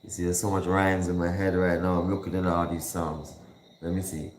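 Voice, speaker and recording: This hip hop call-in host talks fairly quickly in a low voice with little pitch movement, casual and full of slang. Between counting down songs he slips into rapping, and the echoey room carries a faint hum of background noise.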